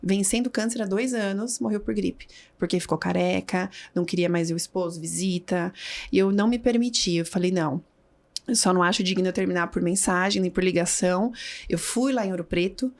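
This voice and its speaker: A woman's voice: on the low side, a little fast. A woman in her thirties, a podcast guest, telling a personal story and acting out the dialogue as she goes. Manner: vivid storyteller who acts out quoted dialogue.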